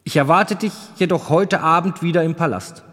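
A man reading the part of a stern, measured old king who questions a young squire. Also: on the high side, a bit bright. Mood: firm. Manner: questioning, weighty, deliberate. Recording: long reverb.

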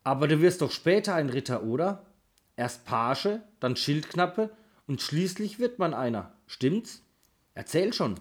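A man's voice: on the high side, sing-song, measured pace. A man reading aloud as a curious, eager teenage boy, in his own plain voice.

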